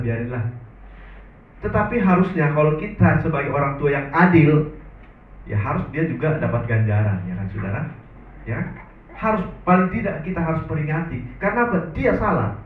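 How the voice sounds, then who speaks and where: Guy pastor preaching, fairly high voice, big echoey church, sounds far from the mic. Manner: lively, acts out quoted dialogue, addresses congregation often. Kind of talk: sermon with storytelling. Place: church hall.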